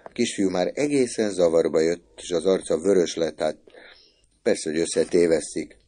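A man narrating a classic novel as an audiobook in a calm, measured way. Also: sits low.

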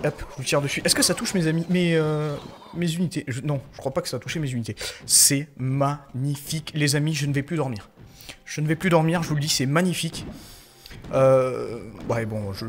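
Gaming vlogger, male, slightly high voice, halting delivery full of fillers, sudden excited bursts. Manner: hesitant, many fillers and restarts, excitable outbursts. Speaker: gaming YouTuber. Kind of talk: casual gameplay commentary.

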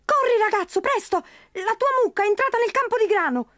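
A woman's voice: lively intonation, brisk, fairly bright tone, dry recording, studio quality. A woman voicing a tiny, crafty male leprechaun shoemaker who is wheedling and tricky in a storybook reading. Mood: urgent. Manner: shrill, pleading, tricky.

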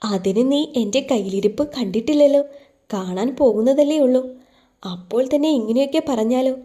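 A woman's voice: a little high, normal speed, mellow, lightly acted. A woman voicing a playful young husband who teases his bride and speaks earnestly of his love, in a storybook reading. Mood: teasing. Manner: playful teasing turning earnest. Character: young man, teasing, devoted husband in love.

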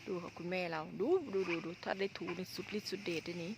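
Excited woman narrating her elephant outdoors. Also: lowish voice, fast talker, background noise. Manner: excited, exclaiming, coaxing. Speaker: elephant owner and vlogger. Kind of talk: casual live commentary. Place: outdoors, rural.

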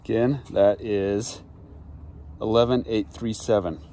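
Casting: man in his forties, deep voice, slow matter-of-fact breeder chat, backyard phone video with faint noise. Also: steady tone, mellow. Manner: unhurried, matter-of-fact, with frequent ums. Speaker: pigeon breeder. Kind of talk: casual show-and-tell. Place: backyard outdoors. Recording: faint outdoor background noise.

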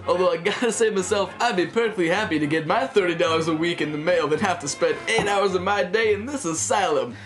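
A teenage guy plays a jovial, flippant co-host on a scripted mock 1930s radio program, hammy and chatty. He talks fast and high with few pauses in a natural voice, recorded in a small wood-panelled room with music playing over him.

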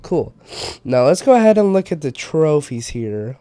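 A man's voice: a little high, sing-song, normal speed, warm tone, clear, resonant tone. A man with a stuffy, sick voice giving casual let's-play commentary while he plays a game. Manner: chatty, thinks aloud while playing. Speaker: game streamer.

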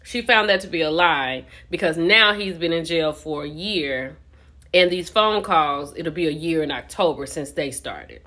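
A deep, sharp-toned voice moves a little slowly as a woman in her thirties with an American accent offers opinionated online commentary. It's a casual vlog recap from a gossip commentator, conversational in feel, with key words punched for emphasis.

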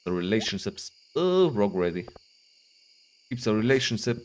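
A man's voice: fairly low pitch, sing-song, moderate pace. A man giving casual, jokey commentary while playing a farming game, rambling through asides. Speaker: gaming video host. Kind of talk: casual let's-play commentary. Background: game music.

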